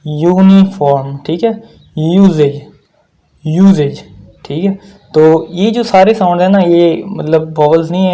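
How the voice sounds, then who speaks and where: A man delivers a recorded grammar lecture, mixing English phrases into his explanations. His voice is warm and mellow, pitched a little high for a man. He repeats key words and keeps checking in with the listener. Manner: explains slowly, repeats words and checks with frequent "theek hai"; mixes Hindi-Urdu with English phrases. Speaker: grammar teacher.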